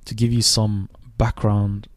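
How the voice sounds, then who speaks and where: A man in his twenties, raised in Sweden, hosting a reflective solo podcast in a thoughtful, unhurried way with many restarts. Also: fairly low pitch, little pitch movement, dry recording. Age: 20s. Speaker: podcast host.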